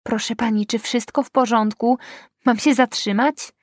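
Narrator doing a firm, urgent woman driver in an audiobook, fairly high, dry recording. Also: fairly even intonation, normal speed, no echo, lightly acted. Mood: concerned. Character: concerned woman driver, brisk and decisive.

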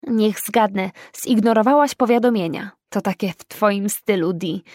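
A woman's voice: medium pitch, moderate pace, a little mellow, no echo, close to an everyday voice. A woman reading the part of a bossy young woman friend who teases with a dry, ironic edge, her voice sitting in an ordinary middle register. She pushes and needles, always in control of the conversation, in a close, dry audiobook sound. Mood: teasing.

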